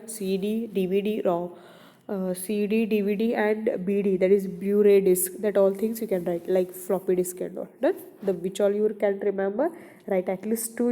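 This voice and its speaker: A woman gives a classroom lecture on computers, pausing now and then to check that her students are keeping up. She talks quickly in a mellow, somewhat high voice. The room carries a long, echoey reverb. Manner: repeats "your" and "done?" as she checks on students. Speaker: computer science teacher.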